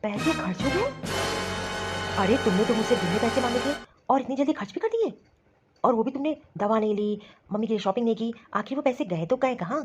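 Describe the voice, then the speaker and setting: A woman voicing a worried son and scolding husband in an animated story, talking quickly and insistently. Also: fairly high pitch, faint music behind, natural voice. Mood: concerned, scolding. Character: grown son and worried husband, office worker.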